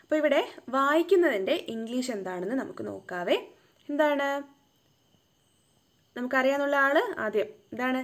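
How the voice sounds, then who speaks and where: Woman sounding out phonics slowly. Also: high voice, animated. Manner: slow syllable-by-syllable sounding out, coaxing questions. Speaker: home tuition teacher. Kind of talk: phonics lesson for children.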